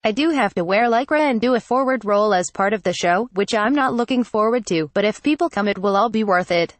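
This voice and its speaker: A woman reading a news article aloud in a steady, even manner, web page clutter included. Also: medium pitch, fairly quick, dry recording. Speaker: article reader.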